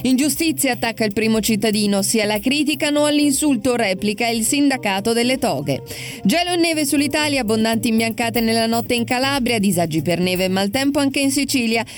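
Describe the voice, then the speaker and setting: A woman's voice: a little high, fairly quick, soft background music. A woman reading a scripted radio news bulletin as the newsreader.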